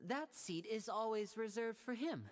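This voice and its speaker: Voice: mid-range voice, expressive, moderate pace, close to an everyday voice. Une voix jouant un jeune magicien de scène théâtral. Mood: gracious showman. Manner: showy, welcoming showman. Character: theatrical young male stage magician. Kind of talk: video game voice acting. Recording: game audio with faint hiss and long reverb.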